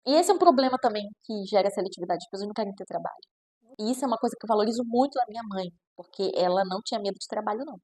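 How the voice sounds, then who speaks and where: A woman's voice: medium pitch, lively intonation, racing, darkish tone, breathy edge. A woman with a Brazilian Portuguese accent, a child nutritionist talking casually to camera and adding chatty tag questions as she goes. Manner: chatty, with frequent "né?" tags; acts out quoted parents in shifting voices. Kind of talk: reflective casual talk to camera.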